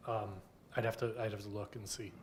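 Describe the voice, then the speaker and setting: An American man, a city official, giving halting, plain-spoken answers at a meeting. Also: fairly low pitch, level tone, a little hiss or hum. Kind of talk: informal explanation at a meeting. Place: indoor council meeting.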